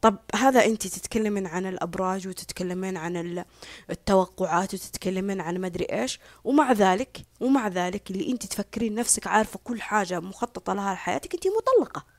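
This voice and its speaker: A woman talks straight to the listener in a casual, opinionated monologue. She throws in sarcastic asides and sometimes sinks to a whisper. Her voice sits at an ordinary middle pitch, recorded dry and close with no room sound. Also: quick pace, no room sound. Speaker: social media commentator.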